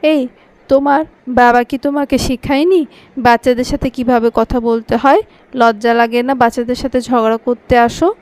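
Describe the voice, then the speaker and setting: Woman doing a cheeky little boy, petulant, talks back, bit high. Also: fairly even intonation, a little mellow, dry recording, natural voice. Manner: petulant, quick to talk back. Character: stubborn little boy quarreling, sulky and cheeky.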